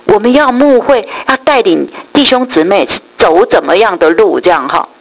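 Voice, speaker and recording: A middle-aged woman, giving a lively church testimony and storytelling. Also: mid-range voice, rough recording. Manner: lively storytelling, acts out quoted voices, many drawn-out particles.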